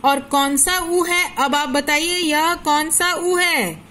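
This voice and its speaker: A woman's voice: sits high, takes it slowly, bright, forceful tone. A woman teacher giving a recorded lesson to young schoolchildren. She drills word lists patiently and asks questions that she then answers herself. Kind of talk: recorded online Hindi class for first-graders.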